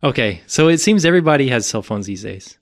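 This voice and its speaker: A man's voice: medium pitch, expressive, fast talker. A man with an American accent, hosting a scripted language lesson podcast with some casual chat.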